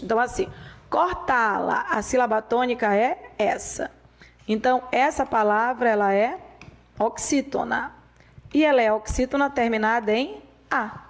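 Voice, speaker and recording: A woman teaching a grammar lesson, repeating rules slowly and drilling them aloud. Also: fairly high pitch. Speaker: Portuguese teacher.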